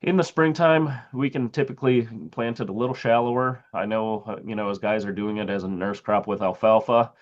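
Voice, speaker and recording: A man's voice: lowish voice, steady tone, a little fast, hardly any pauses, muffled recording. A man presenting on a video call as a seed company sales agronomist, speaking with many hesitant fillers. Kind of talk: presentation with slides.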